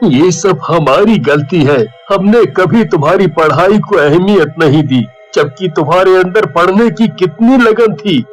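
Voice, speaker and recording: A man's voice: high voice, a little slow, hardly any pauses, soft background music, low-quality recording. A man voicing a middle-aged cartoon father who speaks in a reproachful, emotional way. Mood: remorseful. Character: struggling middle-aged father, stern then remorseful. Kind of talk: cartoon voice acting.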